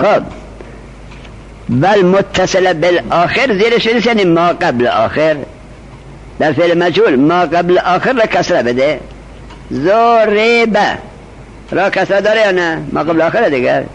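A male teacher giving a classroom grammar lesson, reading the text slowly, then explaining it quickly and quizzing his students. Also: fairly high pitch, highs cut off, slight background noise.

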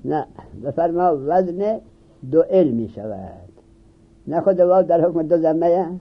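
A man's voice: a little high, animated. Man teaching, quizzing his class. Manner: questions students and answers himself. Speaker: seminary teacher. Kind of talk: classroom lecture on Arabic grammar. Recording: dull lo-fi recording.

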